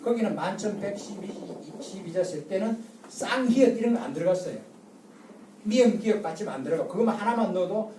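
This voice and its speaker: Older lecturer, mellow tone, quizzing the class with repeated questions; picked up from a distance in a reverberant room. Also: mid-range voice, a little hiss or hum. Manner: drills the audience with call-and-response and repeated rhetorical questions. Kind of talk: public lecture. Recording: echoey lecture room from far off.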